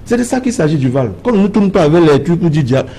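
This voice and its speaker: Serving as a debate panelist for his political party on television, a man with a Cameroonian French accent speaks fast in a slightly high, warm voice with big pitch swings. He's emphatic and insistent, repeating phrases to hammer his point home.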